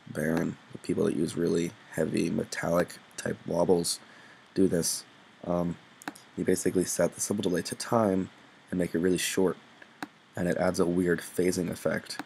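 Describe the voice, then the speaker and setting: This music production tutorial comes from a young man with a deep, creaky, darkish voice, with a bit of hiss or hum in the recording. He explains things off the cuff in an informal, sweary style and teases himself along the way.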